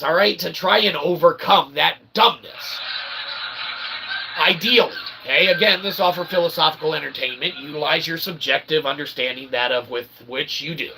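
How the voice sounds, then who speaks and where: A man with a slightly high voice and vocal fry holds forth in a rambling, opinionated monologue as an author and channel host, over a noisy background. He's wordy and emphatic, swearing through pseudo-philosophical phrasing, repeatedly checking "okay?" and bursting into shouts.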